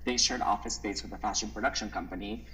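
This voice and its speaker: A man's voice: on the low side, fast talker, slight background noise, poor audio. Laid-back man from the Dominican Republic. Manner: relaxed storytelling, frequent "like" fillers. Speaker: model agent. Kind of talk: casual interview chat.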